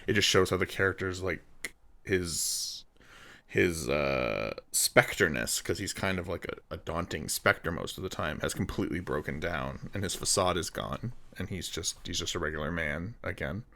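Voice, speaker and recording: A man co-hosting a podcast, talking casually and haltingly about an anime film, often stammering. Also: sits low, creaky, pushed and bright. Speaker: podcast co-host.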